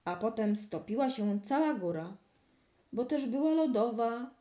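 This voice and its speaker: Slow, mellow woman reading a fairy tale. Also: fairly high pitch. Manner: slow, expressive storybook narration. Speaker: storyteller. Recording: roomy, dull lo-fi recording.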